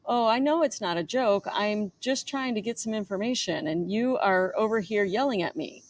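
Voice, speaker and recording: A woman's voice: medium pitch, expressive, moderate pace, a little hiss or hum, lightly acted. A woman reading aloud the lines of a pushy man calling on a boat radio, her quoting voice slightly raised. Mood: insistent.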